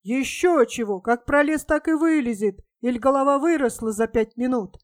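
A woman's voice: sits high, normal speed, close to an everyday voice. A woman reading as a grumbling, stingy baker. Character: irritable male bakery owner, proud and stingy.

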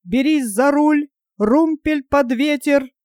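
A woman's voice: high voice, slow, a little mellow, no echo, studio quality. A woman reading the part of a male ship's skipper who gives clipped orders to the crew. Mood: commanding. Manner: clipped commands.

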